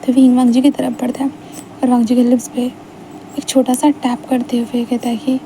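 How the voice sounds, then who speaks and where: A woman's voice: fairly high pitch, little pitch movement, fairly quick, warm tone, slight background noise, poor audio. A woman narrating a fan fiction romance in a chatty, conversational way, like retelling it to a friend. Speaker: storyteller. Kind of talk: casual story narration.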